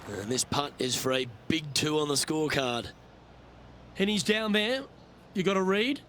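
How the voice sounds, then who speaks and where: A man calling golf shots as a play-by-play commentator in a calm, measured manner. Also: fairly high pitch, a faint crowd, a little hiss or hum. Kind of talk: prerecorded video game sports commentary.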